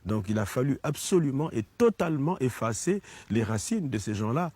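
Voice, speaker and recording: A man's voice: medium pitch, big pitch swings, moderate pace, very noisy. A man giving an earnest personal opinion in a documentary interview, stumbling over repeated words.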